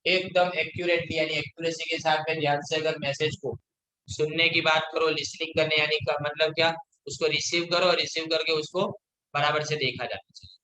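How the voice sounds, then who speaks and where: High, bright-voiced male lecturer. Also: little pitch movement, echoey room, rough recording. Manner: reads English lines slowly from the text, then explains them in Hindi. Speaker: college lecturer. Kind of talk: classroom lecture mixing Hindi and English.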